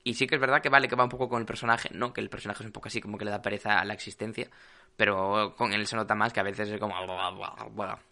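A man's voice: lowish voice, flat delivery, very fast, sharp tone. A man, co-hosting a podcast in casual chat, rambling with lots of fillers and restarts.

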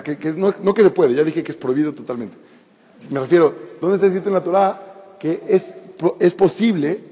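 A man teaches a Torah lesson in a slightly higher voice that is dark, mellow and a bit husky. He tells the story freely, repeating words as he thinks and explaining terms along the way. The recording carries a long hall echo and sounds dull and lo-fi. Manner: explains Hebrew terms to listeners, adds a joke. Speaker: religious teacher.

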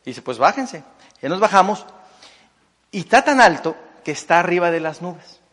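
Middle-aged Mexican man, motivational speaker, animated storyteller with a slightly high voice, heard with reverb in a big hall. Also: moderate pace. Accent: Mexican Spanish. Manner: animated, enthusiastic storyteller, many fillers and rhetorical "¿no?". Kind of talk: storytelling talk to an audience.

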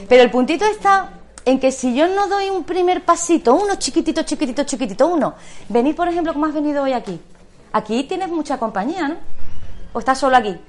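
A woman giving an encouraging talk to a live audience, coaxing and animated, with direct questions and many diminutives. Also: sits high. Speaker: guest speaker at a community talk. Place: community centre room.

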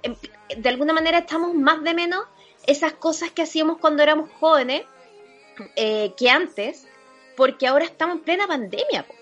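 A woman's voice: high voice, brisk, fairly bright tone, soft background music. A young woman with a Chilean accent, chatting casually as a podcast co-host. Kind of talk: casual chat. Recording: dull lo-fi audio.

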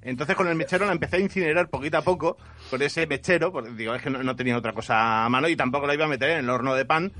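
Brief: male improv player, a little high-pitched, rambling comic storyteller. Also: rapid-fire, bright, forceful tone. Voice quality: bearded. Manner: rambling, repeats words, laughs while telling.

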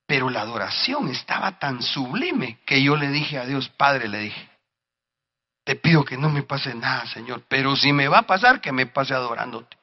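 A male pastor preaching a sermon, speaking directly to the congregation and rising to shouts at his peaks. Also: mid-range voice, sing-song, normal speed, lo-fi sound.

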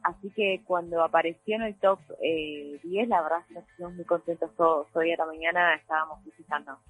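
An Argentine actress chatting as a guest on a radio interview, relaxed and talkative, sometimes trailing off. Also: female voice, fairly low pitch, a little fast, faint music behind, low-quality recording. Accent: Argentine Spanish. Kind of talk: interview over a call.

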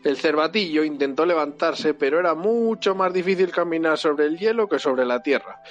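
A father reading a storybook aloud to his child with animated, expressive delivery. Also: on the high side, normal speed, muffled recording, soft background music.

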